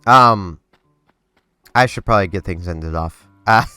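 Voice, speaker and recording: A congested young man's low, sharp, clean voice comes through a little slow in a dry, close recording with faint game music. Hosting his gaming channel, he rambles casually over the gameplay, with many fillers, restarts and self-interruptions.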